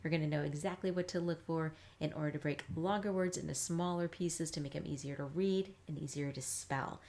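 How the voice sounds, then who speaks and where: A woman reading teacher giving a live phonics lesson, chatty and upbeat, slowly sounding words out piece by piece. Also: deep voice, steady tone, a little mellow. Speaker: reading teacher, academy founder.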